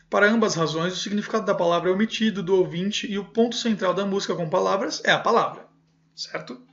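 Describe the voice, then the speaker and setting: A man with a rather high voice teaches a video lesson, reading a book aloud and explaining it. He often checks in with a questioning "certo?" and fixes his own slips. The recording sounds dull and lo-fi. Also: a bit bright. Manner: keeps adding a questioning "certo?" tag, corrects himself aloud. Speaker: music teacher.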